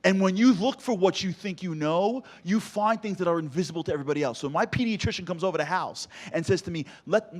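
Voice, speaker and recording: A man's voice: high voice, fast talker, hardly any pauses. A man giving a comic, storytelling motivational speech, punchy and full of rhetorical questions. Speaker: motivational speaker.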